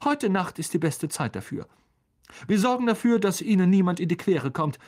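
A reader voicing a stern older female teacher, grave and clipped, slipping into a breathy whisper. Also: mid-range voice, animated, moderate pace, a little mellow, voice pushed up, close to an everyday voice. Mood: cutting.

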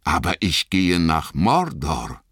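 A man's voice: low-pitched, sing-song, slow, fairly bright tone, no room sound, clean studio sound, heavily acted. A man voicing a loyal, anxious male hobbit servant who pleads and stubbornly insists in a strained, pressing voice.

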